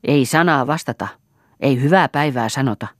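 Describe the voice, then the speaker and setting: A woman's voice: a bass voice, no echo, clean studio sound. A woman voicing a bitter, spiteful old mother-in-law who scolds venomously, in an audiobook. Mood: scolding.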